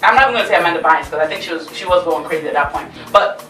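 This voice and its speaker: A woman's voice: on the low side, expressive, rapid-fire, sharp tone. A woman hosts a casual talk show and pushes back hard on her guest, making her case point by point. She sounds roomy and a bit distant from the mic, with faint music under her voice. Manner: argumentative, pushes back emphatically. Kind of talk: casual debate chat.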